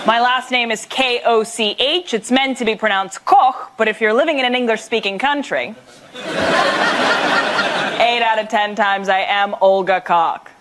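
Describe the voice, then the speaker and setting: A woman's voice: on the high side, a little slow. A woman from Russia performing a stand-up set with dry, punchy joke delivery on a TV panel show. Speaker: comedian. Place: TV studio with live audience. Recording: loud audience laughter and noise.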